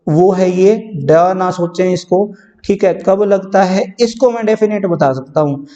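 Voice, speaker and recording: A man's voice: high-pitched, unhurried, mellow. A male exam-prep English teacher giving a lecture, repeating sounds over and over and correcting pronunciation. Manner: repetitive drilling, modelling sounds and correcting pronunciation. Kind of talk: classroom lecture. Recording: distant, dull, long-reverb room.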